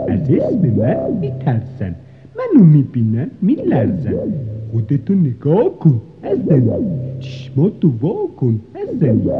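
A man voicing a friendly male dog who sings advice in a children's story, with a sing-song, wide-ranging melody. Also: high-pitched. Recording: tinny lo-fi audio with music.

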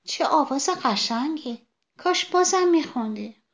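A woman's voice: high voice, expressive, voice pushed up. A woman voicing a sad, lonely young sunflower who talks in a plaintive, wistful, pleading way.

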